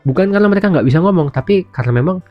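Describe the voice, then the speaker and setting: A man's voice: high-pitched, animated, very fast. A young man, a language teacher, explaining in a chatty, informal way to camera. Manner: chatty, informal, lots of fillers. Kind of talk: casual spoken lesson to camera. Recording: slightly dull sound with faint music.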